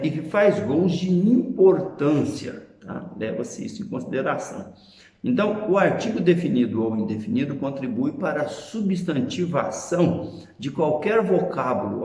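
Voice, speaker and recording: A man's voice: mid-range voice, a little mellow, echoey room. A man with a Brazilian Portuguese accent teaching a grammar lesson, explaining patiently and often checking in with short tag questions.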